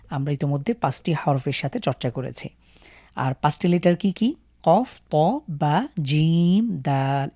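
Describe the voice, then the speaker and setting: A man teaching Quran reading to learners, spelling out letters slowly and repeating each sound louder. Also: on the high side, no echo, clean studio sound. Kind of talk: step-by-step recitation lesson.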